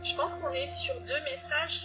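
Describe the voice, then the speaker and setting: A woman giving a casual tarot reading, unhurried and hesitant, with frequent fillers. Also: sits high, steady tone, over music. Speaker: tarot reader.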